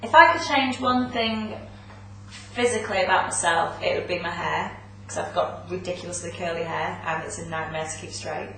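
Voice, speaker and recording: A woman's voice: lowish voice, moderate pace, a bit bright, a little hiss or hum. Chatty woman, echoey from far off. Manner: chatty, self-mocking, laughs between words. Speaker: pop group member. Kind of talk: casual interview chat. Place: webcast studio.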